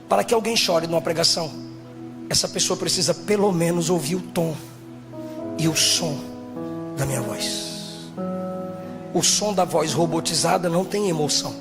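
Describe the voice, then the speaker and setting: A man, a pastor, preaching a sermon, shouting and half-singing his appeals and then telling stories quietly. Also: on the high side. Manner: shouts and half-sings exhortations, then drops to quiet storytelling. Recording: music playing behind the voice.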